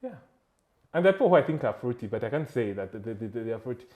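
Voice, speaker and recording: Stammering Zambian man, mid-pitched. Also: sing-song, rapid-fire, a little mellow. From Lusaka, Zambia. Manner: stammering repetition of words, emphatic. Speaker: interview guest. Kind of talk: casual chat.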